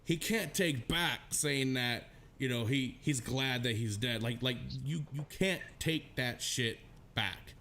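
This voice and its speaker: A man's voice: mid-range voice, slow pace, fairly bright tone, a little hiss or hum. A man co-hosting a casual livestream chat, rambling and swearing with many restarts. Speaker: livestream co-host.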